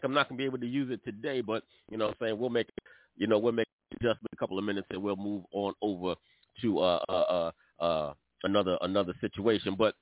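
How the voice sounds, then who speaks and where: A quick-talking male radio host whose voice cuts in and out over a choppy, broken-up connection. The line is narrow and tinny like a phone. The sound is dry, with no room around it. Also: lowish voice, no echo. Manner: fast, loose talk with repeated "you know what I'm saying". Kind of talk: casual radio talk.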